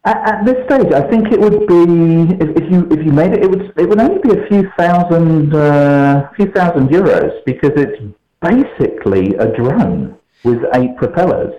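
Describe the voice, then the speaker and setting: A man's voice: a little high, lively intonation, moderate pace, mellow. A man calling in to a radio show over a poor, robotic-sounding headset line from a co-working space, explaining in an easygoing, meandering way. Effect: warbly, robotic-sounding call over a poor line, like a headset link. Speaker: regular tech contributor calling in. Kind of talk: casual radio phone interview. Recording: echoey, dull lo-fi call line.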